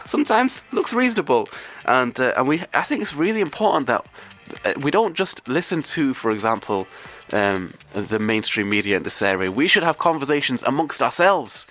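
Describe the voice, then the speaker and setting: A man hosting community radio with a croaky, ill-sounding voice, talking casually and hesitantly off the cuff. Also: medium pitch, big pitch swings, moderate pace, a bit bright, soft background music. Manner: hesitant, conversational, rambling. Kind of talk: casual radio talk, unscripted.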